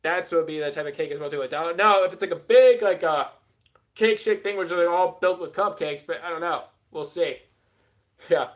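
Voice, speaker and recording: Fast-talking rambling male streamer. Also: on the high side. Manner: rambling, heavy filler words. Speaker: live stream host. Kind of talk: casual live stream chat.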